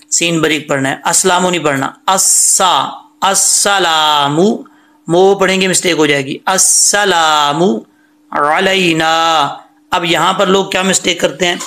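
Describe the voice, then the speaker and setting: A man teaching correct prayer recitation, drawing words out slowly and then explaining mistakes in plain talk. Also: a little high, vocal fry, pushed and bright. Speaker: tajweed teacher. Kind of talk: slow recitation lesson with corrections.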